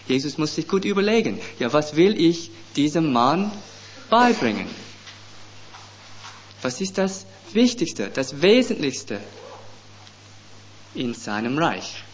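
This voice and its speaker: Slow, emphatic middle-aged preacher. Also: male voice, on the high side, big pitch swings. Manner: slow and deliberate, with emphatic rises on key words. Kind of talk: sermon. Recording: dull lo-fi sound with faint background noise.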